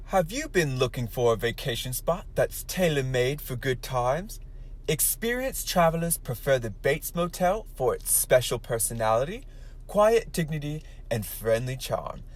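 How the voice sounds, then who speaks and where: A man's voice: mid-range voice, big pitch swings, measured pace. A man playing a genial, polished announcer in a 1940s-style radio play, reading the breaks and an advert in a salesy way.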